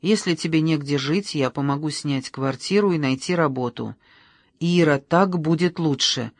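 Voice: mid-range voice, moderate pace, no echo, clean studio sound, lightly acted. A reader voicing a stern, curt woman. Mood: cool. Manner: curt, cold, scolding. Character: stern, commanding adult woman Anna.

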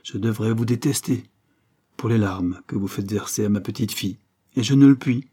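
A man voicing a gentle, tearful elderly noblewoman and grandmother in an audiobook, speaking with soft, earnest pleading. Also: on the low side, normal speed, husky.

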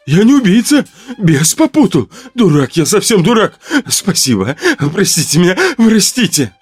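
A man's voice: high-pitched, big pitch swings, unhurried, breathy edge, faint music behind, voice pushed up, exaggerated voice. A man putting on a snarling knife-wielding stalker. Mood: pleading. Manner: snarling then whining and pleading. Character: menacing male stalker, later sobbing coward.

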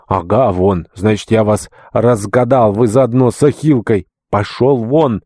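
A man voicing a flustered, excitable schoolteacher in an audiobook reading, blurting agitated, tongue-tied outbursts. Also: lowish voice, unhurried, no room sound, clean studio sound, pitched above the performer's own voice.

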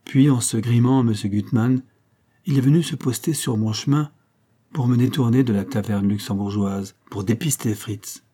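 A man's voice: mid-range voice, normal speed, mellow, slightly rough, natural voice. A man playing a shrewd, composed detective. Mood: decisive. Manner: composed, probing, decisive. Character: shrewd, calm male police detective.

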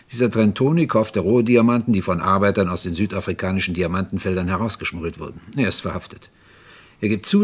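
In a vintage German radio crime drama, an actor voices a police inspector who is courteous yet insistent, speaking in a measured, probing way. His male voice is natural and on the low side.

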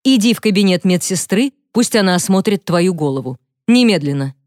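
A woman's voice: mid-range voice, lively intonation, brisk, darkish tone, no echo, clean studio sound, close to an everyday voice. Stern school teacher, read by a woman. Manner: firm, clipped.

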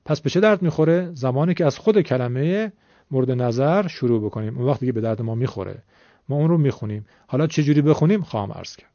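The recording is dull, lo-fi and dry, with no echo, as a man gives a polite, patient, step-by-step lesson on reciting the Quran. He speaks in a mid-range, expressive voice with a dark tone.

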